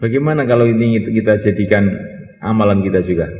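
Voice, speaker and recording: Preacher in an echoing hall. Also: male voice, a little fast. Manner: storytelling, acting out quoted dialogue with jumps in pitch; quizzes the listeners. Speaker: kyai preaching to students. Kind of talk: sermon with storytelling. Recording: dull, echoey hall recording.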